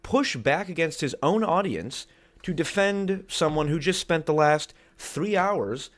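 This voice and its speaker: A man's voice: a little high, expressive, unhurried. A man delivering casual video commentary in a sarcastic, self-deprecating way. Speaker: video essayist.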